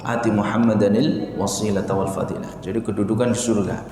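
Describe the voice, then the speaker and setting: A man with an Indonesian accent teaching an Arabic class in a religious study session, speaking slowly and repeating words to drill them. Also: lowish voice, steady tone, mellow. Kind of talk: religious language lesson. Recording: echoey hall with faint noise.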